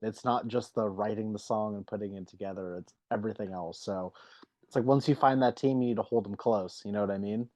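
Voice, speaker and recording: A man's voice: on the low side, fairly even intonation, brisk, a little mellow. A man hosting an interview, chatty and enthusiastic, peppering his questions with "like" and "you know.". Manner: chatty, filler-heavy, enthusiastic. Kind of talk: casual interview talk. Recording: dull, muffled audio.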